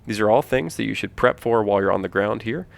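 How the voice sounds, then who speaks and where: Gravelly male flight instructor explaining procedures. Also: on the low side, quick pace. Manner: explanatory, informal, repeats key points for emphasis. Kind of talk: instructional flight simulator walkthrough.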